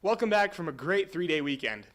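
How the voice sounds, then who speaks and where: A man reads the school's morning announcements over the intercom. His voice sits fairly high and comes through at a distance from the mic. He delivers a steady announcement read. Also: fairly quick.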